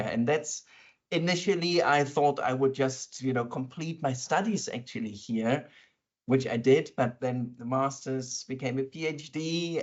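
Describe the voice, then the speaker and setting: A middle-aged man from Berlin, talking thoughtfully and enthusiastically in an interview, with many fillers. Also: medium pitch. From Germany, East Berlin. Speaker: interviewed scientist. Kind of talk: conversational interview. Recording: dull lo-fi sound.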